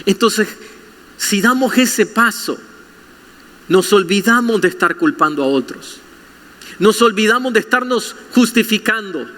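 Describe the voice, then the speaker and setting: A man's voice: high voice, lively intonation, a little slow, long pauses, sharp tone. A man preaching a sermon as pastor, speaking straight to his listeners with rhetorical questions, in a large church hall. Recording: long reverb of a large hall.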